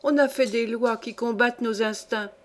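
A woman's voice: fairly high pitch, steady tone, moderate pace, natural voice. A woman reading a story aloud, voicing an indignant, worldly old grandmother who lectures her granddaughter with scorn. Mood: lecturing. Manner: scornful, lecturing, sweeping tirade. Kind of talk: audiobook reading.

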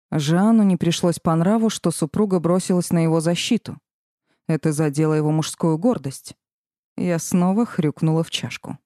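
A woman's voice: fairly low pitch, dark tone, dry recording, clean studio sound. A woman narrating a first-person fantasy audiobook in a wry, sardonic manner.

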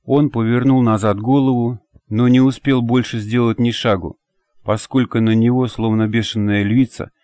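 A man with a fairly low voice narrates an audiobook in a steady, measured read. The scripted narration is recorded dry and clean in a studio.

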